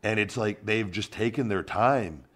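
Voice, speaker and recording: Low-voiced man in casual podcast chat. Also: measured pace, fairly bright tone. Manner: loose, rambling, drops into goofy put-on voices. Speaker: podcast host.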